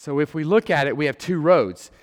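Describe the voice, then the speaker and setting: Texan guy preaching, kinda high voice, big hall reverb, gets loud and repeats himself. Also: fairly quick. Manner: earnest, repeats words, rises to loud emphatic peaks. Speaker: lay preacher. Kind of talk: sermon-style testimony.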